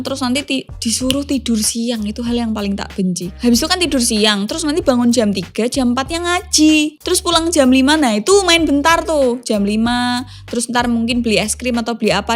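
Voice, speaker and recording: A woman's voice: a little high, a bit bright. A woman in her twenties from Indonesia, hosting a casual storytelling monologue and chatting in a confiding way, often checking in with her listeners. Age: 20s. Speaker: podcast host.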